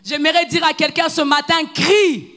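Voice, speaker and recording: A woman preacher giving a fervent sermon in church, moving between low, hushed stretches and loud, repeated calls to her congregation. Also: steady tone, normal speed, slight background noise. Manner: fervent, repetitive, shouting exhortations.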